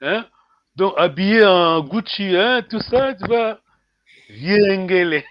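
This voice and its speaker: A man teaching a language class over a call, repeating words slowly and checking in with "hein" after nearly every phrase. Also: sits high, animated, dull audio, a little hiss or hum. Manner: switches between French and Portuguese.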